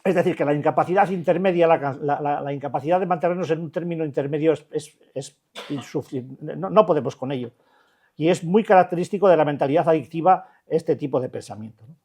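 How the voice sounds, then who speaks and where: A man's voice: on the high side, fast talker, mellow. Older Basque man, blunt group talk. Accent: Spanish, Basque Country. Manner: colloquial and blunt, many restarts and rhetorical questions. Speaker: addiction recovery counselor. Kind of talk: informal talk to a recovery group.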